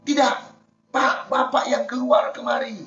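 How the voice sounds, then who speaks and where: Brief: stubborn bishop in a sermon story, high and firm, acted by a male pastor, roomy sound. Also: huge pitch swings, a little fast, fairly bright tone, exaggerated voice. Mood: insisting. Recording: roomy, dull, faint music.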